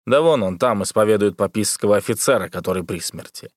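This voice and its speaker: Guy playing a cold surgeon, matter of fact, low, dry recording. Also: fast talker, no room sound, lightly acted. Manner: cold, detached.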